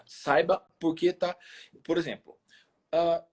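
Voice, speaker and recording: This health expert, forty and from a small Minas Gerais town in Brazil, joins a remote social media live video call. His rural-accented voice is on the high side, slightly mellow, steady in tone and slow. He tells personal stories in a casual, colloquial chat and repeats phrases for emphasis.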